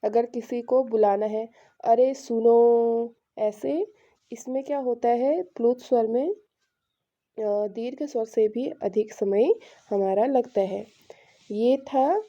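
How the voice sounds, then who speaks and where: A woman teaches an exam-prep lesson in a patient, step-by-step way, putting questions to the class and then answering them herself. Her voice sits a little high but sounds very mellow and warm. The recording is dull and lo-fi.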